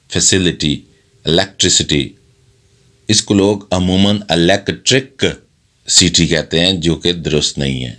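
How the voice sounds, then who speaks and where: Male phonics teacher, deep but crisp voice, deliberate pace. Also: bright, forceful tone. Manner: slow, deliberate spelling-out of words. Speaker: English teacher. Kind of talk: phonics lesson.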